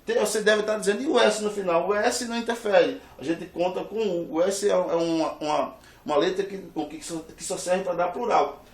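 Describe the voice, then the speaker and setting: A man's voice: sits high, a little fast. A Brazilian man teaching a grammar lesson, stressing syllables hard and repeating each rule. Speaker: Portuguese teacher. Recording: echoey room, distant from the mic.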